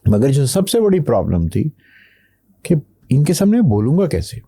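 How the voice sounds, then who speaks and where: A middle-aged man from Pakistan, a company CEO, answering interview questions slowly, pausing to think before he speaks. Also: medium pitch, big pitch swings, warm tone, slightly rough, no echo, studio quality. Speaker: guest, tech company CEO. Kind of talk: podcast interview.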